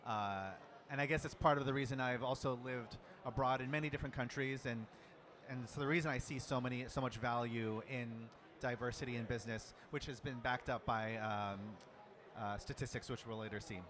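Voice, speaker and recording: A man from the United States, a startup founder, introducing himself on a conference panel in a relaxed, conversational way. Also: mid-range voice, brisk, a little hiss or hum. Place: conference room with audience. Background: crowd murmur.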